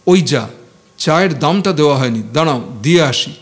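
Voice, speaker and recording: A man voicing a calm, frugal male party organiser who talks in an unhurried, measured way. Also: a little high, lightly acted.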